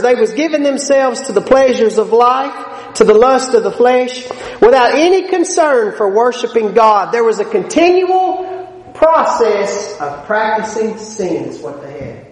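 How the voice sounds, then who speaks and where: A man with an extremely high, sing-song voice preaches at a measured pace in a church sanctuary. His sermon is emphatic and folksy, sprinkled with plain-spoken asides, and his loudness surges and falls between points. Long reverb from the echoey hall fills the recording.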